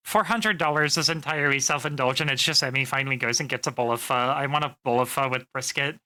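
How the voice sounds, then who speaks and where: A woman's voice: very deep voice, fast talker, bright, forceful tone. A woman streamer chatting casually to her viewers, rambling with plenty of fillers and swearing freely. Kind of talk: casual live-stream chat.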